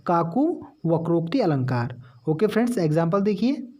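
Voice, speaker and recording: A man with a soft, mellow voice teaches an exam-prep grammar lesson. He poses a question to his listeners, answers it himself, then repeats the key term. He calls his listeners friends again and again. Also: a little high, sing-song, moderate pace. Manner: keeps addressing listeners as friends.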